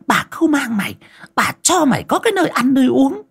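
A man voicing a cruel young mistress of a household, scolding her servant in a sour, shrill voice. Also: very animated, brisk, vocal fry, heavily acted. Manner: scolding, threatening, swaggering. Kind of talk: audio folk story narration.

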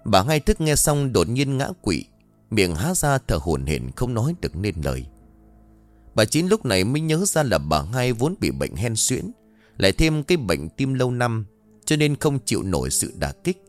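A man, narrating a story in a dramatic, expressive way. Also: mid-range voice, normal speed, soft background music.

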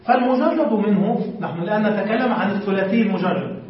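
A man's voice: high voice, fast, a little hiss or hum. A man teaching a class as a sheikh. He reads a text aloud, then explains it and asks his students questions. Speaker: sheikh teaching Arabic morphology. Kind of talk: classroom lecture. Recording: very echoey, distant, dull lo-fi.

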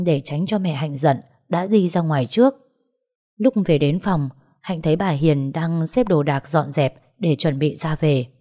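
A woman reading a family drama aloud as narrator, voicing every character herself in an even tone. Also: sits low. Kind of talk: storytelling narration with acted dialogue.

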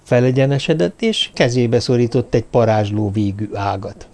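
A man narrating a suspense novel in a steady, measured audiobook reading. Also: mid-range voice.

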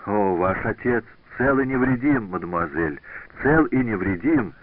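A man's voice: fairly low pitch, animated, unhurried. A man doing an earnest young apprentice. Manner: earnest, reassuring. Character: brave devoted young male apprentice, wounded. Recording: tinny dry lo-fi radio recording.

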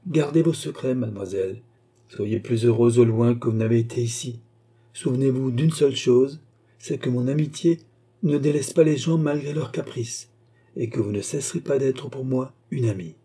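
A man's voice: mid-range voice, normal speed, mellow, slightly rough. A man reading an audiobook voices a proud, wounded queen who speaks with bitterness and reproach. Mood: bitter.

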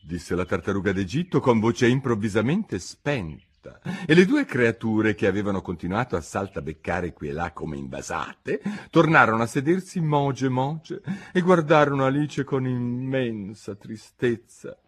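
A man reading a storybook aloud in an expressive, theatrical, unhurried way. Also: medium pitch, slightly rough. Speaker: narrator, translator reading his own translation. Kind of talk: audiobook reading.

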